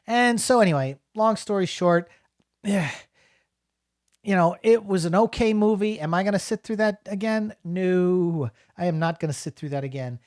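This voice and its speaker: A man's voice: high-pitched, expressive, normal speed, a little mellow, no room sound, clean studio sound. A middle-aged man from New Jersey giving a casual, rambling spoken film review, full of fillers and restarts.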